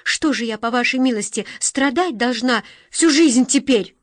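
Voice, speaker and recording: A woman's voice: on the high side, normal speed, no room sound, studio quality, voice pushed up, close to an everyday voice. A woman voicing a desperate young noblewoman who pleads near tears.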